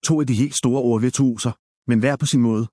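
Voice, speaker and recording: A man, apparently a pastor, giving a measured talk with wry asides and quoted stories. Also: medium pitch, fairly even intonation, warm tone, no echo, clean studio sound. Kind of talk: reflective talk with read-out quotes.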